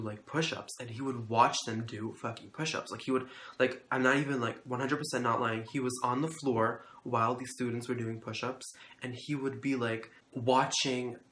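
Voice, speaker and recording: A man's voice: mid-range voice, fairly even intonation, moderate pace, fairly bright tone, a little hiss or hum. A young man telling a school story in a casual vlog, rambling with constant fillers, swearing and sounding incredulous. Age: young adult. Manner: rambling, heavy use of "like", profane, incredulous. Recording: echoey room, faint ambience.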